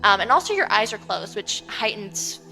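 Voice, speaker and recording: Bright-voiced woman in an echoey room. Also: mid-range voice, normal speed, creaky, soft background music. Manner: chatty, animated storytelling with many fillers. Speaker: podcast co-host. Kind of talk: casual chat.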